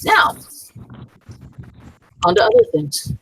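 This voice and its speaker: A woman's voice: slow, rough recording. A woman chatting wryly in an online group chat. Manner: wry, lively, chatty.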